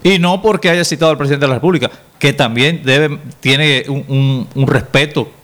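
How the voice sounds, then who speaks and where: A man's voice: on the high side, fairly bright tone. Male radio co-host, rhetorical. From Dominican Republic. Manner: argumentative, rhetorical, measured emphasis. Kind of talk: talk radio debate.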